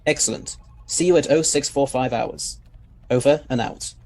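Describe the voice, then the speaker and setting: A man's voice: medium pitch, moderate pace, darkish tone, close to an everyday voice. A man playing the Doctor, a courteous and assured eccentric alien scientist with old-fashioned phrasing, in an audio drama. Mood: brisk, urgent.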